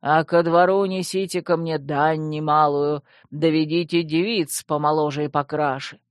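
A woman voicing a fawning, solemn male skeleton servant, in a lowered, slow voice for an audiobook. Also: steady tone, clean tone, dry recording, clean studio sound, natural voice. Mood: chanting.

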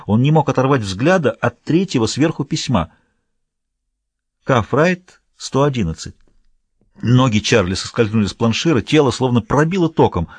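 A man narrating an audiobook in a measured, steady reading voice. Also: medium pitch, husky, dry recording. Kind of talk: scripted narration.

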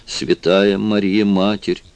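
A man's voice: on the low side, flat delivery, takes it slowly, a little mellow, smooth. A man reading a frightened young woman who mumbles a prayer under her breath. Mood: murmuring.

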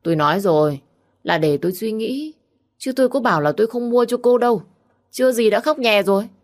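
A woman's voice: deep voice, normal speed, a little mellow. Woman reading as a caring, teasing young man. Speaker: audiobook reader. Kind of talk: storybook reading.

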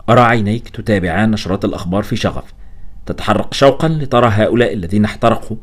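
A man's voice: fairly low pitch, rapid-fire, lightly acted. A man reading the lines of a distraught pregnant wife confronting her husband, trembling with anger. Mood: angry, shaken.

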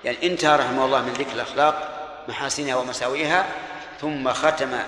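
An older man giving a religious lesson, explaining a text slowly and quizzing his students with short questions. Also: mid-range voice, steady tone, pushed and bright. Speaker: scholar teaching a book. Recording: echoey hall recording.

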